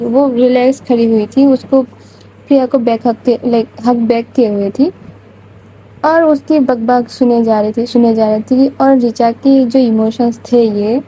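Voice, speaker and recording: A woman narrates a love story in casual spoken style, chatty and loose, with filler words sprinkled throughout. Her voice sits high but sounds very dark and mellow. A faint hiss of noise stays under her voice. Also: steady tone, low-quality recording.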